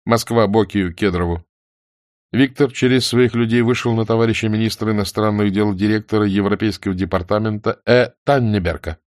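A man narrating an audiobook in an expressive way. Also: on the low side, brisk, no room sound, studio quality.

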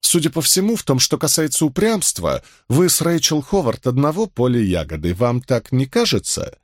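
A man reading an audiobook, voicing a calm young clerk who questions in a measured, quietly insistent way. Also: mid-range voice, dry recording, clean studio sound, voice pushed up. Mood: probing.

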